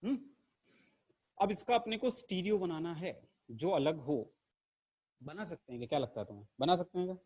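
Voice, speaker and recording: Chemistry teacher guy, playful and theatrical, slightly high voice, talking to camera. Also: lively intonation, brisk, pauses often, darkish tone, breathy edge. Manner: playful, theatrical, teasing the class. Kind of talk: online lesson to camera. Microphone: camera mic.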